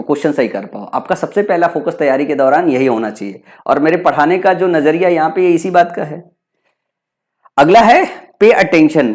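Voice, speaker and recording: A man's voice: fairly high pitch, darkish tone. A young man with a Bihari accent teaching English vocabulary for an exam, explaining terms and repeating them, often asking a question and then answering it himself. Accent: Bihari Hindi. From Bihar, India. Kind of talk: exam prep lecture.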